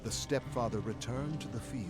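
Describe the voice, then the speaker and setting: This streamer reads out lore from the game he's playing, then breaks off for casual reactions full of swearing. His pitch is medium, his pace moderate, and game music plays behind him.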